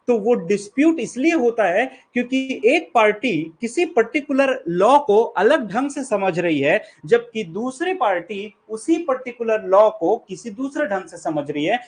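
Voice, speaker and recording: A young Indian man giving a law lecture in Hindi mixed with English terms. He asks questions and answers them himself, and he slows down to read definitions aloud. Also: high-pitched. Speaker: law teacher. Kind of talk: classroom lecture.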